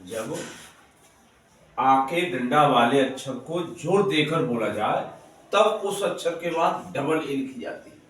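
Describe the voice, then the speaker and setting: A man teaching children a spelling lesson, explaining slowly and patiently and repeating his points. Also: medium pitch, expressive, fairly bright tone. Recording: very echoey room, voice distant from mic.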